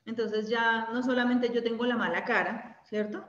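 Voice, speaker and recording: A woman's voice: a little high, steady tone, normal speed, fairly bright tone. Colombian woman teaching in an echoey room. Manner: conversational, ends points with tag questions. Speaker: Bible study teacher. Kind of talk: women's Bible study teaching. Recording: echoey room, dull lo-fi sound.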